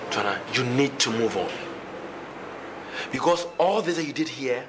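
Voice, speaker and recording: Defiant high-pitched Ghanaian man played by an actor. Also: lively intonation, moderate pace, natural voice. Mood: exasperated. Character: defiant, smooth-talking, irritable young man. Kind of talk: film drama acting. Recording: noisy location film sound.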